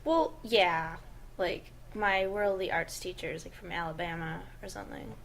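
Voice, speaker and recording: A woman's voice: lowish voice, fairly even intonation, moderate pace, gravelly, crowd noise. A young woman co-hosting a podcast, chatting in an upbeat, rambling way with many fillers. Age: young adult. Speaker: podcast co-host. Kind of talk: casual chat.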